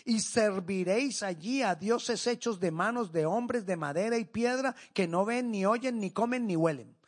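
A man preaching a sermon, reading scripture and pleading earnestly, often dropping to a soft, hushed voice. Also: high voice, moderate pace.

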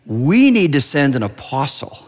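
A preacher acting out God the Father as an eager, commanding male deity, his voice raised a little higher and louder than usual. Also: big pitch swings, measured pace, big-room sound. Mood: urgent.

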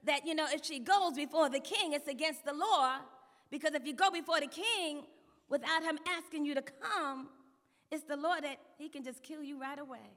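A woman preacher retelling a story in a sermon, lively and conversational, with many restarts. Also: high-pitched, normal speed, big-room sound.

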